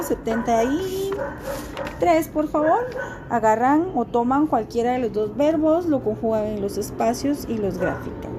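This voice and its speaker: A woman's voice: a little high, dark tone, slight background noise. A woman teacher giving a classroom language lesson, patiently repeating each verb form for her students.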